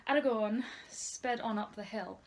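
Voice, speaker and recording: A woman's voice: fairly high pitch, unhurried, a little hiss or hum, rough recording. A woman reading a fantasy novel aloud as co-host of a casual read-along, breaking off to swear and joke.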